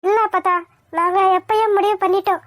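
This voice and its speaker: A woman voicing a young pregnant wife in a cartoon, speaking in a gentle but firm, earnest way. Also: very high-pitched, fast talker, dry recording, clean studio sound. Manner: earnest, calmly insistent. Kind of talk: cartoon voice acting.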